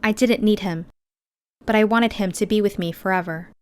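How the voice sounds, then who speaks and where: Reading a first-person novel as an audiobook narrator, this medium-pitched woman keeps her delivery measured yet expressive. A little hiss or hum sits in the recording.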